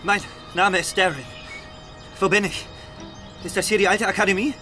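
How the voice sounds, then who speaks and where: A man's voice: sits high, fairly even intonation, normal speed, bright, forceful tone, soft background music. A man playing a tense young adventure game hero, with a dramatic, questioning delivery. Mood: confused. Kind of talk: video game voice acting.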